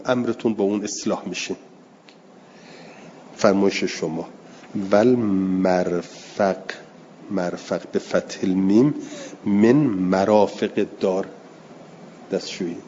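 A man teaching a class on a religious text, reading passages slowly and then explaining them plainly while taking students' questions. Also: on the low side, dark tone. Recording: dull lo-fi recording in a long-reverb hall with faint noise.

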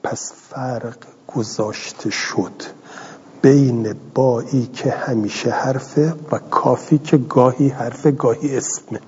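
Middle-aged guy teaching grammar, reads then explains slow, sounds like a big hall, dull old recording. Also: mid-range voice, steady tone, a little mellow, husky. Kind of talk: classroom lecture reading and explaining a text.

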